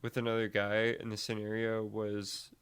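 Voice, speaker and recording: Young guy on a podcast, rambly, says like a lot, swears, smooth clean voice. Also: on the low side, completely flat delivery, normal speed, fairly bright tone. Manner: rambling, filler-heavy, swears freely. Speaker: podcast co-host. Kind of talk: casual chat.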